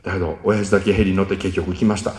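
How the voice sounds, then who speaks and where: A man's voice: low-pitched, flat delivery, very fast, darkish tone. A middle-aged man with a Kansai accent tells an emotional personal story as a speaker, acting out the voices he quotes. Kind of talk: storytelling talk. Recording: echoey hall.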